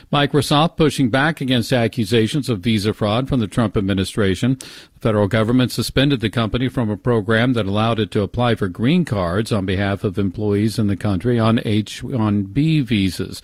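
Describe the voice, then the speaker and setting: A man with an American accent anchors a scripted radio newscast. His voice sits a little low, and he is recorded close and dry in a studio. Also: no echo. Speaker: news anchor. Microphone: close studio microphone, dry.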